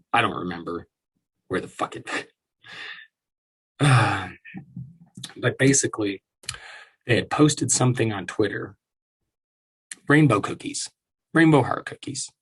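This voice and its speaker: A man's voice: on the low side, fairly bright tone, breathy edge. A man hosting his own show, ranting casually in an exasperated way, full of swearing and restarts. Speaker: podcast host. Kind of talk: casual solo rant.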